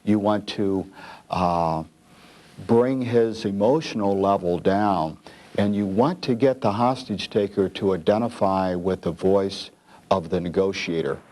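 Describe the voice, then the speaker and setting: A man speaking as a calm hostage negotiator, explaining in a measured way in an interview. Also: deep voice. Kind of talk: interview commentary.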